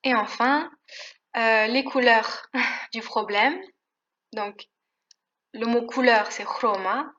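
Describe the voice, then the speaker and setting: A woman's voice: fairly high pitch, takes it slowly, pauses often, sharp tone, lo-fi sound. A woman teaching a language lesson in a casual, hesitant way, with fillers and self-corrections. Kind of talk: explanatory lesson.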